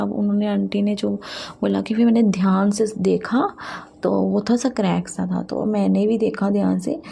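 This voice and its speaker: Gravelly, flat-voiced woman sharing faith testimony. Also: mid-range voice, slight background noise. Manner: halting, many fillers and restarts. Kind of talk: devotional testimony talk.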